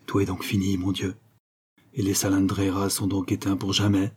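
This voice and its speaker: A man's voice: on the low side, steady tone, moderate pace, warm tone, husky. A man reading aloud, voicing an older, solemn duke who is a proud father. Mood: sorrowful. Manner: solemn, grave.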